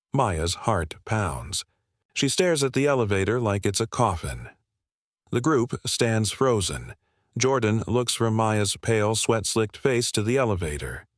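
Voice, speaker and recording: A man giving scripted dramatic narration in a measured, grave way. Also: fairly low pitch, expressive, no room sound, studio quality.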